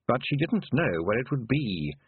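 A man's voice: mid-range voice, sing-song, normal speed, slightly rough, no room sound. A man doing a dry, matter-of-fact toad. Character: calm, dry talking toad. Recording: tinny phone-like sound.

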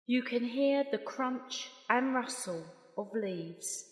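Slow, calm woman guiding a meditation. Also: on the high side. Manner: calm, soft, unhurried with long pauses. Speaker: meditation guide. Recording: roomy long reverb.

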